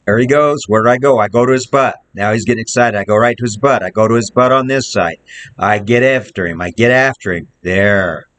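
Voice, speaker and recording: Low-voiced man coaching outdoors in snow. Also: brisk, fairly bright tone. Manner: plainspoken, repeats short coaching phrases. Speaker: horse trainer. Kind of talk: instructional commentary while working a horse. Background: wind.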